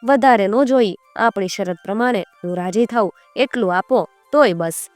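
A woman's voice: mid-range voice, normal speed, darkish tone, no echo, soft background music, close to an everyday voice. A woman voicing a shrewd male village barber who bargains and cries out for justice. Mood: sly.

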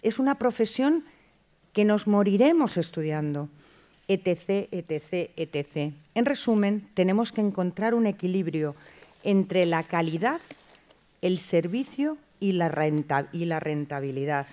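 Animated Spanish woman giving a lecture. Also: lowish voice, a little slow. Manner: animated, with rhetorical questions and acted-out phone dialogues. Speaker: conference speaker. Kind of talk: lecture at a clinical communication conference.

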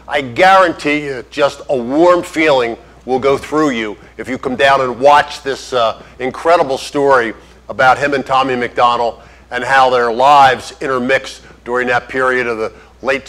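A man hosts an interview show in a friendly, promotional manner. His voice sits at an ordinary middle pitch. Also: a bit bright, low-quality recording. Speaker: show host.

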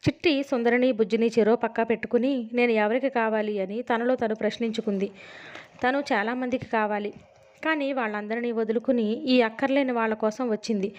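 A woman narrating a novel as an audiobook in a steady storytelling manner. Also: on the high side, brisk. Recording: dull lo-fi sound.

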